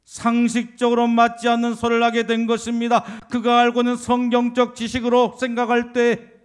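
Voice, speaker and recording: A male pastor from the Jeolla region preaching a sermon, firing rhetorical questions at the congregation and swelling louder on key points. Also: extremely high pitch, monotone, fairly quick, clean tone. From Jeolla, South Korea.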